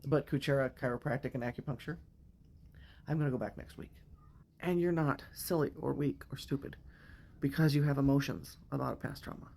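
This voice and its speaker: A woman's voice: very deep voice, fairly even intonation, fairly quick, vocal fry, mellow. A woman in her fifties from the Midwestern United States tells a personal story straight to the viewer. Her delivery is candid and emotional, and she is blunt enough to swear freely. It sounds like a casual storytime monologue. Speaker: vlogger.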